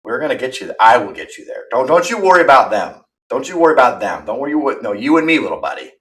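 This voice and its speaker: Picked up from far off the mic, a man in his thirties rambles candidly on a livestream and pokes fun at himself. His medium-pitched voice moves quickly, swings widely in pitch, and sounds a bit bright.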